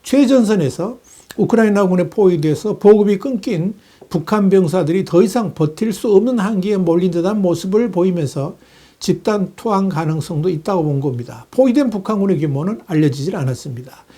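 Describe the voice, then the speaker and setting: A man delivering a steady, measured news analysis, reading reports with the occasional filler. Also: high-pitched. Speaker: news commentator.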